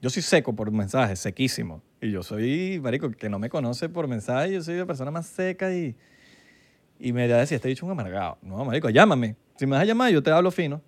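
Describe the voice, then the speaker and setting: A man's voice: medium pitch, big pitch swings, brisk. A young man with a Venezuelan Spanish accent, co-hosting a casual podcast chat and acting out quoted dialogue in a slangy, laid-back way. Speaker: podcast co-host.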